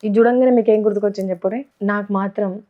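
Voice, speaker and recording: A woman's voice: mid-range voice, fairly even intonation, very fast, noisy background. A young woman with a Telangana Telugu accent, chatting playfully in a casual vlog and mixing in English words. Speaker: vlogger. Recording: dull lo-fi sound.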